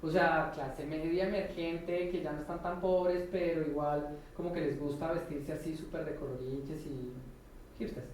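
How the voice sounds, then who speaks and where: Speaking as a professor at an informal conference, a Colombian man keeps things slangy and irreverent, tossing in frequent short tag questions. His slightly high voice has a darkish, steady tone at normal speed. The room echoes, the mic is distant, and there's faint noise.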